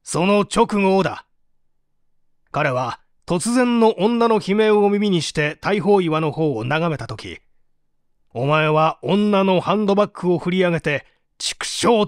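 An audiobook reader plays a stern, relentless, accusing male prosecutor in a dramatised mystery, his manner authoritative and pressing, his mood angry and accusatory. He speaks at a measured pace with a high, lively voice, captured in studio quality without room sound.

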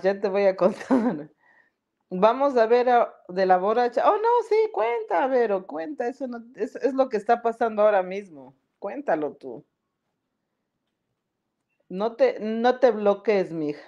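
Slow, mellow-voiced woman host chatting. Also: mid-range voice, lively intonation, muffled recording. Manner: chatty, laughs often, greets viewers by name. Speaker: podcast live-stream host. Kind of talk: casual live-stream chat reading comments.

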